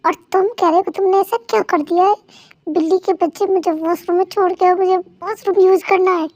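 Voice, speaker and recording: A woman's voice: extremely high pitch, steady tone, fairly quick, darkish tone, no room sound. A woman voicing a sore, angry young wife scolding her husband, in an amateur fan dub. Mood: whiny scolding. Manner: whiny, scolding.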